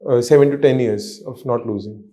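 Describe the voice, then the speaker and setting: A man's voice: mid-range voice, brisk, dark tone. Nervous, formal young Indian man, very muted tone. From Haryana, India. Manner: deferential, often saying sir. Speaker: candidate in a mock interview. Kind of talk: nervous formal interview answers.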